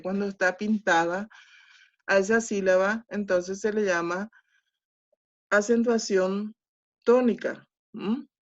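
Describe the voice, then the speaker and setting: A woman teaching an online class, unhurried and careful, checking in with her students after each point. Her pace is slow and measured. The audio is dull and lo-fi. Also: mid-range voice.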